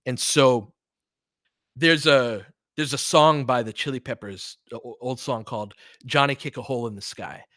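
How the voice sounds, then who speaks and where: A sports podcast host, who streams play-by-play as well, rambles earnestly and swears freely in an unscripted casual chat with listeners. His mid-range voice, a bit bright, moves at a normal speed. It's studio-quality audio with no room sound.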